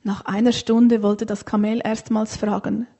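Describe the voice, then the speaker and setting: A woman reading a children's story aloud in a gentle, unhurried way. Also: mid-range voice, little pitch movement.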